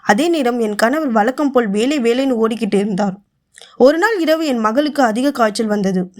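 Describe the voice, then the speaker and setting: A woman narrating a first-person story in a quiet, confessional manner. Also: on the high side, animated, moderate pace.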